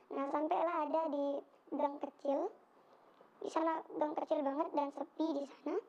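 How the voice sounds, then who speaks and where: High, gravelly young woman, hesitant. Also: little pitch movement, darkish tone. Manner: hesitant, halting with many fillers. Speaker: interviewee recounting an assault. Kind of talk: spoken testimony. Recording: dull lo-fi recording.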